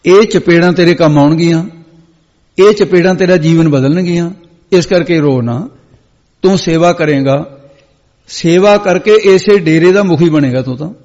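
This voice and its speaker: A preacher voicing a gentle, humble servant. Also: male voice, on the high side, moderate pace, close to an everyday voice. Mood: consoling. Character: humble, forgiving old male servant of saints. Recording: echoey hall, dull lo-fi sound.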